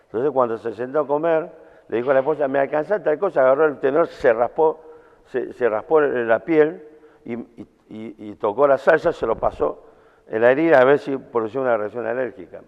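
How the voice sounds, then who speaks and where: A man's voice: mid-range voice, a little fast. A man with a Rioplatense accent preaching a camp sermon in a colloquial, storytelling way. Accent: Rioplatense Spanish. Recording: tinny sound in a reverberant hall.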